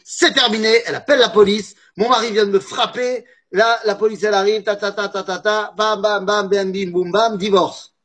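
A man teaching a religious lesson, telling a story with lively drama and frequent hesitant restarts. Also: high voice, slightly rough. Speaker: Torah teacher.

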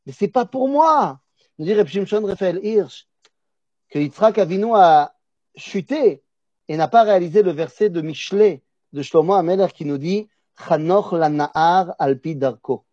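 High-voiced man teaching with a Polish accent. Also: normal speed, dark tone, dry recording. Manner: emphatic, repeats key words, asks and answers his own questions. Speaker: Torah teacher. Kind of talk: religious lesson. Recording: dull, dry lo-fi recording.

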